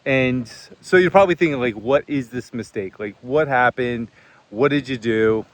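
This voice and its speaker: A man's voice: medium pitch, normal speed, no echo. A man giving a casual motivational talk, earnest and conversational, telling a personal story with frequent fillers. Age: adult, served in the military. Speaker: host.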